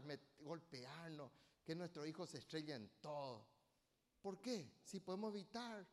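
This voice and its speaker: High-voiced emphatic preacher in a reverberant hall. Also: male voice. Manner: emphatic, rising to loud bursts, asks the congregation for amens. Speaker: pastor. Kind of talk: sermon.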